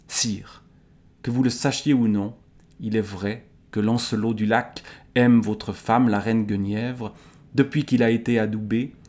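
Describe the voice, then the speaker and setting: A man's voice: medium pitch, dark tone, close to an everyday voice. A man with a Swiss French accent reading aloud the lines of a cautious royal sister who fears revenge. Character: wary royal sister, fearful of revenge, woman.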